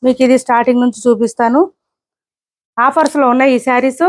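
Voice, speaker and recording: A woman's voice: sits high, steady tone. A woman presenting sarees for sale online, describing each one and repeating prices and ordering details. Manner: brisk, repetitive price callouts. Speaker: saree seller. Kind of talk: online sales showcase.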